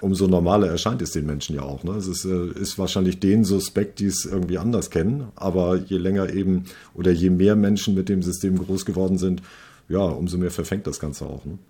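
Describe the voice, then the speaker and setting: A man's voice: deep voice, fairly quick, warm tone, slightly rough. A man conducting an interview, asking long conversational questions with many fillers. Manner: conversational, thinking aloud with fillers.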